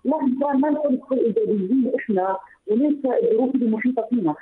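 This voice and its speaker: A woman's voice: fairly high pitch, dry recording. A woman with a Palestinian accent calling in to a radio talk show, speaking earnestly through a headset microphone over a phone line. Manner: fast, earnest, explanatory. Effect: phone call through a headset mic. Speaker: phone-in guest on women's rights. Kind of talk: call-in radio discussion. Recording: tinny husky phone line.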